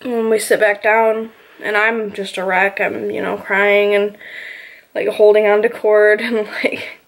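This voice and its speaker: Slow, rambling woman telling a story. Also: mid-range voice, level tone. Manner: rambling, full of "you know" and "like". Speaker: vlogger. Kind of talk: casual storytelling to camera.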